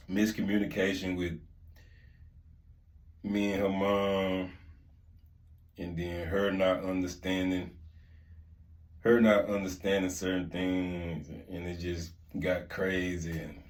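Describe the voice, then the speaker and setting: A man from Mississippi in the United States with a deep, darkish voice, hosting a vlog and telling stories. He chats casually in colloquial street slang, rambling and repeating himself.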